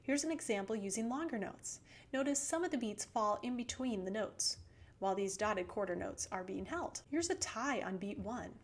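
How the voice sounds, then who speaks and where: Clear, methodical woman piano teacher. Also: mid-range voice, expressive, normal speed. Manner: clear, methodical, counts beats aloud. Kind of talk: scripted lesson narration.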